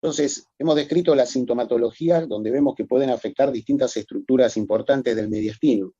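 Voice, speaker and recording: A man's voice: medium pitch, brisk, warm tone, husky, no room sound, dull audio. A man giving a recorded medical lecture, explaining methodically and addressing students formally.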